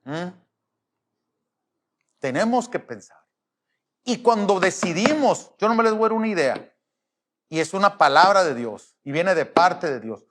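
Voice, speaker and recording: A middle-aged pastor preaches to his congregation, his voice sitting high for a man. He is emphatic and keeps asking the room rhetorical questions. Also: lively intonation, a little slow, pauses often, fairly bright tone.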